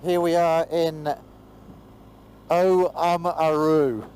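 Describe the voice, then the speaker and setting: A man's voice: a little high, moderate pace, a little mellow. A man with a New Zealand accent chatting casually with joking, teasing banter as he rides. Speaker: motorbike travel vlogger, rider. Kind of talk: casual chat. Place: outdoors on a moving motorbike. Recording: noisy vehicle ride, motorbike helmet audio. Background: engine and road noise.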